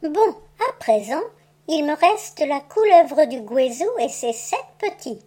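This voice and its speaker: A woman's voice: high voice, big pitch swings, takes it slowly, a little mellow, pitched above the performer's own voice, exaggerated voice. A woman voicing a cunning, boastful male trickster rabbit in a read-aloud tale, sly and playful. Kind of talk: audiobook tale reading.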